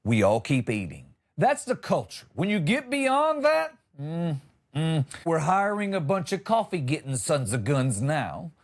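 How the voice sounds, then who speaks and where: In a sing-song, unhurried manner, a man with a fairly high voice delivers a comic monologue, his pitch moving a great deal from point to point. He comes across as exasperated and sarcastic, leaning hard on his words like a podcast host in mid-rant.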